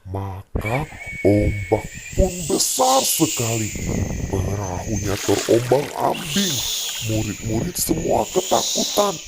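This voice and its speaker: A man's voice: fairly low pitch, wildly swooping pitch, takes it slowly, vocal fry, background noise, heavily acted. A man voicing a patient father who tells his child a Bible story at bedtime, speaking in a soothing way. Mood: storytelling. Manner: soothing, acts out voices in the story.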